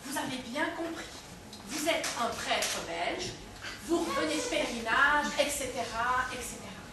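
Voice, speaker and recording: A woman doing a sly young nun, lively and quick-witted, high-pitched, faint hiss, distant roomy sound. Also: natural voice. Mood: playful. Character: scheming, fast-talking young novice nun. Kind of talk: stage comedy acting. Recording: echoey stage heard from afar, faint noise.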